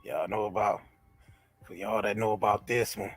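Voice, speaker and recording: A man's voice: lowish voice, steady tone, normal speed, breathy edge, no room sound, faint music behind. A man co-hosting a show, easygoing and agreeable in casual chat. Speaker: channel co-host.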